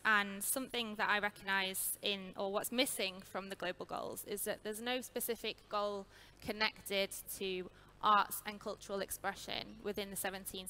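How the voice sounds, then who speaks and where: A woman panelist on a large stage, speaking in an articulate, fluent and measured way with a headset mic. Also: medium pitch, bright, forceful tone, slight background noise. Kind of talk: panel discussion.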